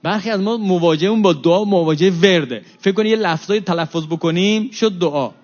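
A man delivers a religious lecture in a high, lively voice. He slips into the voices of the people in his stories, rising sharply and then dropping low. The recording is muffled and lo-fi. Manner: animated, acts out quoted exchanges with rises and drops in voice. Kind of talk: religious talk to an audience. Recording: dull lo-fi recording.

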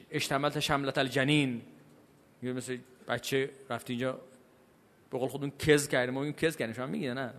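Man, high-pitched lecturer from Iran, questions the crowd and answers himself, recorded in a reverberant hall. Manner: asks the audience questions and answers them himself; pace and loudness swing widely, from slow stresses to quick asides. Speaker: cleric giving a religious talk. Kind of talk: lecture to a live audience.

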